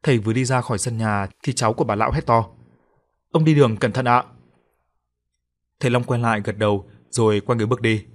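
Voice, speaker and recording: A man narrating a ghost story in a steady, even reading voice. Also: medium pitch, racing, few pauses.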